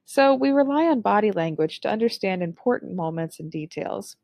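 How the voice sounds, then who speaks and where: A young adult woman giving an online lesson on public speaking, with a clear, upbeat instructional delivery. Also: medium pitch, lively intonation, brisk, a little mellow, dry recording.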